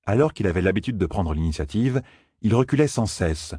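A man with a low, husky voice narrates an audiobook, his pitch rising and falling with lively expression. The recording is close and dry. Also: brisk, no echo. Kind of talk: scripted narration.

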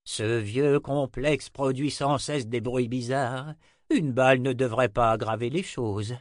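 A man voicing a kindly, wry old male wizard in an audiobook, speaking in a warm, unhurried way. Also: mid-range voice, dry recording, clean studio sound, lightly acted. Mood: gentle. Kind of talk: audiobook character reading.

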